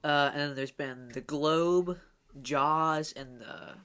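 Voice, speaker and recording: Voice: medium pitch, slow pace, a bit bright, clean tone. A podcast co-host in casual chat, hesitant and full of fillers, slipping in jokes. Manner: hesitant, filler-heavy, jokey.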